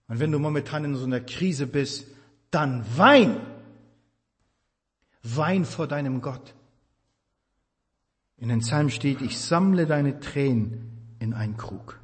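High-voiced preacher in an echoing hall. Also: male voice. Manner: impassioned, swinging between loud emphasis and hushed tenderness. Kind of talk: sermon. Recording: reverberant hall.

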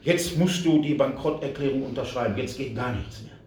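A middle-aged man preaching a personal testimony to a congregation, swinging from loud cries to hushed whispers and often speaking straight to his listeners. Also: medium pitch, fairly quick, echoey room, recorded from a distance, a little hiss or hum. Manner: addresses the audience directly. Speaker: street preacher. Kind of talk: testimony sermon.

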